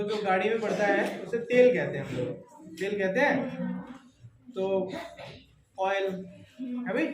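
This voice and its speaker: A teacher giving a lively classroom lesson, quizzing students by name and often checking they follow, with a joking manner. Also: mid-range voice, far from the mic. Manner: quizzes students by name, checks understanding with constant tag questions; joking, chatty. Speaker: English teacher. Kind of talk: classroom lesson in Hindi with English terms. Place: classroom, indoors. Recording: echoey classroom, voice from afar, noisy.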